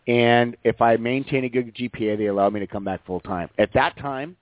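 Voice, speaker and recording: A man's voice: mid-range voice, fairly even intonation, a little fast, dry recording. A man in his forties, a radio co-host, chatting casually and joking about his college years. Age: 40s. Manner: joking, laughs easily. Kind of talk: casual sports talk. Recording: dry phone-line sound.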